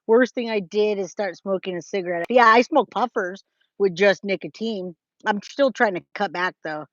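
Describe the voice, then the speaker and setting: A California woman in her forties speaks at medium pitch and a moderate pace while chatting casually with her true crime livestream viewers about their comments. She's informal and emphatic, repeats herself for effect, and addresses people as guys, babe, and my love. The audio is muffled, with no room sound.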